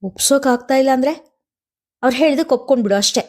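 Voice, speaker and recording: Young male lover in a storybook, coaxing and affectionate, mellow tone, done by a woman narrator. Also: a little high, moderate pace, natural voice. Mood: torn. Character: young man, tender lover under family burden.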